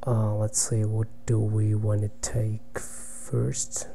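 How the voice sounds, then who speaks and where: A man who first spoke German commentates live, softly, on the online blitz game he's playing. His fairly low voice has vocal fry and a completely flat delivery, and he thinks aloud haltingly, going almost to a whisper while calculating. Slight background noise is present.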